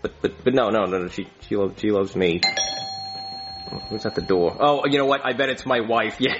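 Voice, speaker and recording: A man's voice: lowish voice, moderate pace, lo-fi sound, music in the background, voice pushed down, lightly acted. A man voicing a jealous, insecure, shallow older husband who blusters and stammers in a comedy sketch. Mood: glum, anxious.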